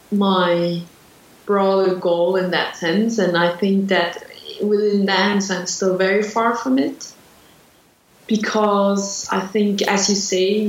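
A woman from Switzerland, a dancer, answering interview questions reflectively, pausing often with fillers and restarts. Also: medium pitch. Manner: hesitant, many fillers and restarts. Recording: roomy, distant from the mic.

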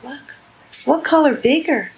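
A woman's voice: high-pitched, animated, a little slow, lo-fi sound, very noisy. A woman researcher coaching a parrot, with a coaxing, praising, sing-song manner. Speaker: animal researcher.

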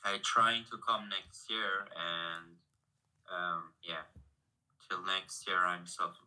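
Young non-native english guy on video chat, halting, sharp bright voice. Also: low voice, flat delivery, rough recording. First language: not English. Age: 20s. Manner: hesitant, halting, many ums. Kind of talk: casual chat. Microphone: video call.

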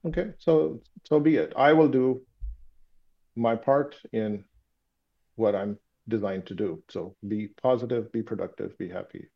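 This interviewee, an Urdu-speaking man from Pakistan, has a gravelly, medium-pitched voice. Talking casually over a muffled call, he turns reflective and philosophical, pausing often and leaning on many fillers.

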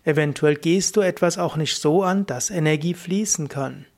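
A man hosting a self-help podcast, speaking slowly and calmly, repeating key phrases. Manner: slow, measured, repeats phrases, shifts between higher and deeper voice to demonstrate. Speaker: podcast host. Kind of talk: calm guided self-help talk.

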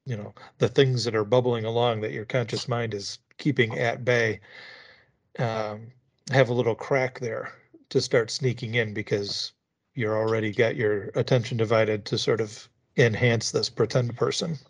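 A man on a casual podcast speaking in a measured, thoughtful, articulate way. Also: medium pitch, steady tone.

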